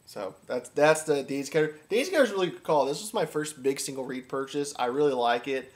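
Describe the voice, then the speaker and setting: Fast and animated, a man with a mid-range voice walks listeners through duck calling. He's an instructor who goes over the same points again and again in a relaxed, eager way.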